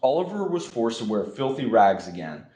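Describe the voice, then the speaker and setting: A man's voice: mid-range voice, moderate pace. Young man reading a children's story. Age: young adult. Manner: expressive reading. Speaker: student storybook reader. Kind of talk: children's story read-aloud. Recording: roomy echo.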